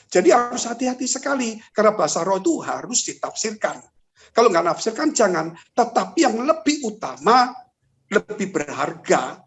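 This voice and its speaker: A man, a pastor, teaching in a church talk show, speaking to his listeners directly with rhetorical questions and acting out the stories he tells. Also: high-pitched. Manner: animated, rhetorical questions, addresses listeners as brothers and sisters; storytelling with vivid acted-out exclamations.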